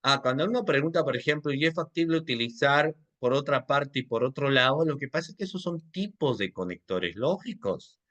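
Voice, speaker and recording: A man's voice: mid-range voice, expressive, a little fast, hardly any pauses, fairly bright tone, muffled recording. A man teaching an online class on legal writing, who quizzes his listeners, repeats his questions and addresses them as doctors. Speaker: law instructor.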